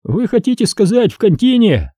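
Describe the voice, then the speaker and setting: A sneering smoker of a cop, his voice pushed up high and taunting, picking at every answer, as a man puts him on. The tone is husky and warm, read close and dry as an audiobook character. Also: very animated, moderate pace, no echo. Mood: mocking. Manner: mocking, needling, high-pitched. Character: sneering smoking male police officer.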